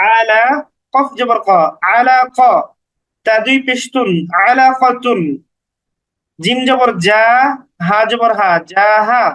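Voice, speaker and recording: A man's voice: very high-pitched, pushed and bright, low-quality recording. A man teaching beginners to read the Quran, spelling out each letter and vowel mark syllable by syllable with patient, brief explanations.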